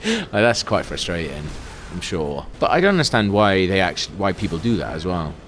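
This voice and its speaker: A man's voice: low voice, sing-song, fairly quick, fairly bright tone, a little hiss or hum. A young man co-hosting a casual chat, rambling with lots of fillers and frequent laughter. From Wales. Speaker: podcast co-host.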